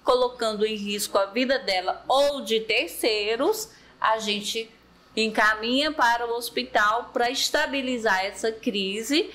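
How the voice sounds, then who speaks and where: A woman's voice: fairly high pitch, measured pace, fairly bright tone. A woman, a mental health worker, explaining things earnestly in a casual panel talk. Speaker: mental health professional guest.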